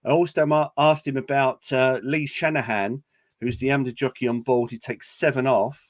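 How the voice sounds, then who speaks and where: A man's voice: medium pitch, fairly even intonation, normal speed, no room sound. Hesitant man tipping horses. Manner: hesitant, with many restarts and laughs. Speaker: racing tipster panelist. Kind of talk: casual podcast chat.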